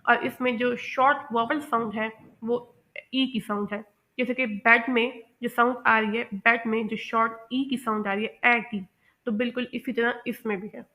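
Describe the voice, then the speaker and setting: Bright-voiced woman teaching pronunciation. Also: on the high side, steady tone. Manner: patient, repeats each example word slowly. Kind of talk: explanatory lesson.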